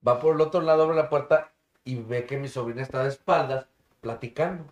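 A man with a Mexican accent tells stories in a loose, slangy chat, cursing casually and acting out the scenes he describes. His medium-pitched voice carries a noticeable room echo around it. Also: fairly quick. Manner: swears freely, slangy, animated retelling. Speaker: storyteller in a podcast chat. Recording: roomy echo.

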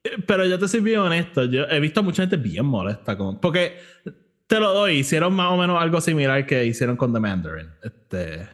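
A man chats casually about movies as a podcast host. He mixes Spanish and English within the same sentence, and his intonation is very animated, moving widely up and down. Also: a little high, fairly quick. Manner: Spanglish, switches between Spanish and English mid-sentence. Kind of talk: casual movie review chat.

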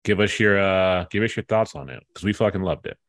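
A man's voice: deep voice, brisk, fairly bright tone. A man hosting a podcast in casual chat, laid-back with frequent fillers. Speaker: podcast host.

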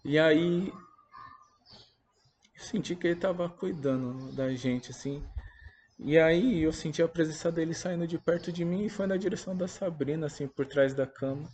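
A Brazilian Portuguese-speaking man giving a halting, earnest and reflective spoken testimony about a personal religious experience. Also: on the high side, a little mellow, slight background noise. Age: adult parent.

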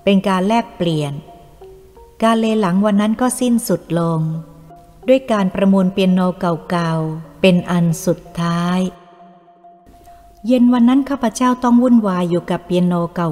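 A woman narrating a first-person memoir as an audiobook, in a calm, measured storytelling manner. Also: medium pitch. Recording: echoey room, faint music.

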